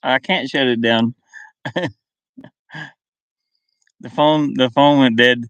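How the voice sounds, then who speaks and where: At a slow pace and in a steady tone, a middle-aged man talks in a mid-range, slightly bright voice that sounds clean and free of echo. He's a livestream host inside a van, casually chatting with viewers and rambling in choppy phrases to himself. A webcam serves as the microphone.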